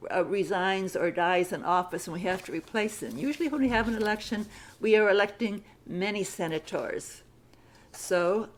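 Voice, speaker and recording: A woman teaching a citizenship writing lesson, patiently dictating sentences and spelling words out letter by letter. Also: mid-range voice.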